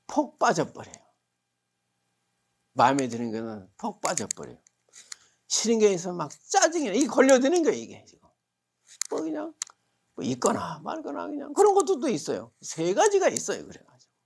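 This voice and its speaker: Gravelly, lively Buddhist monk preaching. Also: male voice, a little high. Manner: lively storytelling with acted-out quotes, rhetorical questions. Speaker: Buddhist monk giving a dharma talk. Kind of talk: sermon.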